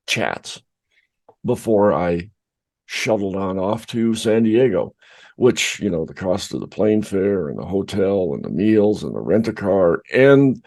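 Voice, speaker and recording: A man's voice: fairly low pitch, darkish tone. A middle-aged man co-hosting a podcast, telling a rambling, self-deprecating story in casual chat. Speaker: podcast co-host.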